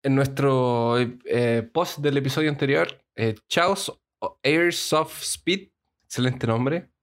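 Relaxed man co-hosting a podcast. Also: mid-range voice, slow pace. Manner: relaxed, jokey, reads listener comments aloud. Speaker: podcast co-host. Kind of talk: casual podcast chat.

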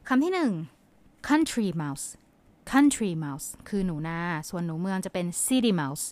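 A woman's voice: medium pitch, sing-song, darkish tone. A woman from Thailand with a Thai accent, a podcast host reading a fable and patiently teaching English vocabulary. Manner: patient, explains slowly, polite sentence endings.

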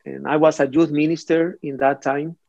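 A man from Mexico, a priest guest in a conversational interview, speaking in a hesitant, halting way with many restarts. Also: fairly high pitch, steady tone, darkish tone. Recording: slightly dull audio with faint music.

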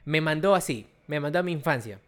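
A man's voice: quick pace, smooth. A young man chatting casually, animatedly acting out quoted voices as he tells stories. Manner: animated storyteller, acts out quotes in high voices. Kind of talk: casual chat.

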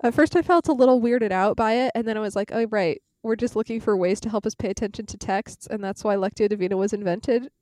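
A woman co-hosting a podcast, earnest and measured, who also reads scripture aloud. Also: medium pitch, a little mellow, no room sound, studio quality. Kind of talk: conversational discussion, reading scripture aloud.

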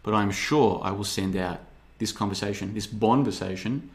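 A man in his thirties talks through a casual livestream monologue, his voice sitting on the low side. He rambles, repeats himself and slips into mocking impressions of other people with a sarcastic streak. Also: moderate pace. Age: 30s. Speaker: podcast host.

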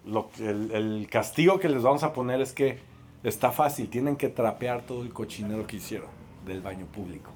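A man's voice: fairly low pitch, normal speed, a little mellow, a little hiss or hum, pitched below the performer's own voice, natural voice. A man voicing an angry male police officer who scolds two teenagers. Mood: stern. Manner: stern, scolding.

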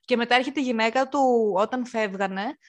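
A young woman co-hosting a podcast, telling work stories in a lively way and acting out what people said. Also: a little high. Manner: animated, acts out quotes of rude customers. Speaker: podcast co-host. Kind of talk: casual chat, storytelling.

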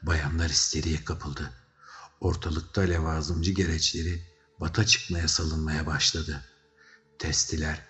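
A man narrating a story as a scripted audiobook reading, dramatic in delivery. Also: rumbling low. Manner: dramatic storytelling, shouting characters' cries. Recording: slightly dull recording with faint music.

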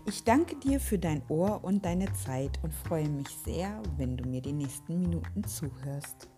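A woman hosting a reflective podcast, speaking softly and slowly, often dropping to a whisper. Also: low voice, animated, soft background music. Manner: slow, soft and breathy, with hushed whispered passages. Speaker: podcast host.

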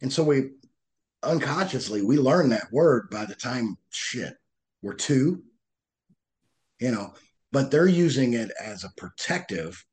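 A man talking casually as a podcast guest, telling stories with lively acted-out asides and frequent restarts. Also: mid-range voice, a little slow, long pauses. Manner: animated storytelling, acts out angry drivers in raised voice; loose, repeats and restarts words. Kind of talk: casual conversational interview.

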